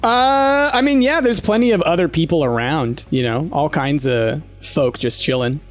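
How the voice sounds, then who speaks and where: High-pitched man running a tabletop game. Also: normal speed, faint music behind. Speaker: game master. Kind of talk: narrating a tabletop roleplaying game.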